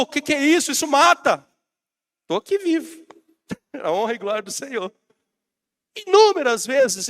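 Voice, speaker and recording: A Brazilian pastor with a very high, fairly bright voice preaches a sermon despite a bad cold. He rouses his congregation and calls out to them in Brazilian Portuguese-accented speech.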